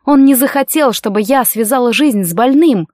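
A woman's voice: on the high side, moderate pace, darkish tone, dry recording, studio quality, lightly acted. A woman reading an audiobook, voicing a desperate young woman who pleads tearfully and insists.

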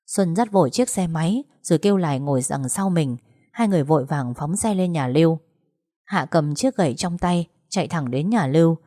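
A woman narrates a dramatic family story in a steady telling voice. Her voice is low for a woman, and the recording is dry and close with no room sound. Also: a little fast, no echo.

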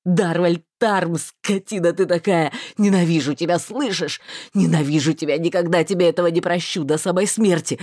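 A woman voicing a loyal, hot-tempered young male mage who shouts in loud anguish and fury. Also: lowish voice, moderate pace, dry recording, studio quality, voice pushed down, lightly acted. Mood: anguished shouting.

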